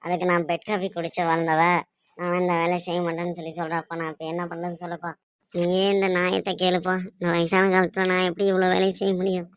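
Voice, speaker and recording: A woman's voice: lowish voice, level tone, fast, clear, resonant tone, dry recording, close to an everyday voice. A woman voicing a nagging old mother-in-law. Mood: complaining. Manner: scolding, complaining, grumbling to herself. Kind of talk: cartoon comedy voice acting.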